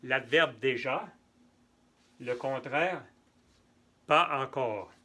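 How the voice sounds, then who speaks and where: Male tutor for a bilingual French lesson; unhurried delivery, bright voice. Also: medium pitch. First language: neither French nor Spanish. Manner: slow, patient, repeats examples and translates into Spanish. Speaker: French teacher.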